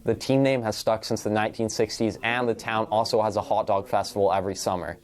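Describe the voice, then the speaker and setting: A man's voice: on the low side, darkish tone, clean tone. A male student presenter reading scripted background facts in an informative, explanatory way. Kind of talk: scripted narration.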